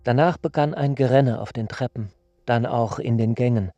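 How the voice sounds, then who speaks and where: A man narrating a literary radio play in a calm, measured storytelling voice. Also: medium pitch, lo-fi sound, over music.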